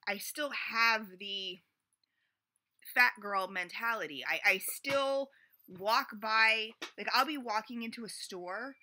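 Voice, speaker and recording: A vlogger in her late forties rambles through a casual confessional video, chatty and full of fillers and restarts. Her mid-range voice comes across pushed and bright.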